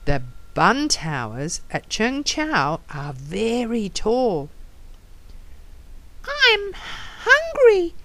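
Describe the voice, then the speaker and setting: A woman reading a children's story aloud in a slow, very expressive way, acting out the lines. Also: lowish voice, slight background noise.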